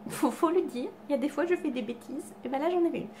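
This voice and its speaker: A woman's voice: sits high, fast talker, a little mellow, a little hiss or hum. A woman chatting casually to camera about her makeup haul, self-deprecating and full of fillers and restarts, at home. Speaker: beauty vlogger. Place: home with cats around.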